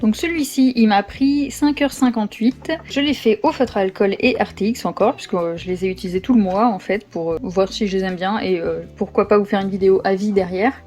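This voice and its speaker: A woman chatting casually as she shows her finished coloring pages, with lots of filler pauses. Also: medium pitch, darkish tone. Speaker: coloring channel host. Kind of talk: casual show-and-tell narration.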